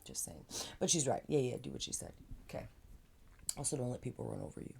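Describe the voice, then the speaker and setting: A woman rambles through self-help advice in a casual vlog, tossing in slang and side stories. Her voice is strikingly deep, mellow and gravelly, yet it swings widely in pitch as she talks. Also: very animated, fast, a little hiss or hum. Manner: rambling and slangy, says man and dude; chatty with frequent fillers and laughs. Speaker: vlogger.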